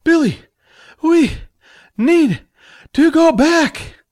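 A man doing a shrill scolding adventurer. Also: sing-song, moderate pace. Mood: panting. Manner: high, strained and scolding. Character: exasperated male adventurer companion, fussy and out of breath.

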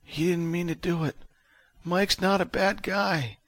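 A weak, delirious starship captain, put on by a man reading a story, his voice lifted higher than the narrator's own and worn thin. Every word comes out strained and short of breath. It is recorded close and dry, with a husky edge. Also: steady tone, a little slow, fairly bright tone, no echo, full character voice. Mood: weak, dazed. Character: weak delirious injured male ship captain.

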